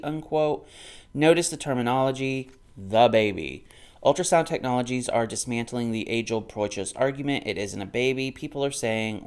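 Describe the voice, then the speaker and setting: Clear and resonant at a medium pitch, this man in his thirties reads a book aloud and then riffs on it off the cuff. His casual reaction commentary is argumentative and emphatic, and he repeats himself to make his points stick.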